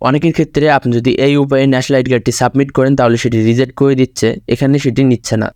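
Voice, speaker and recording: Rapid-talking man narrating a phone tutorial. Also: medium pitch, darkish tone, dry recording, studio quality. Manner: step-by-step instructive, addresses viewer directly. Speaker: tutorial host. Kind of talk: screen-recorded tutorial narration.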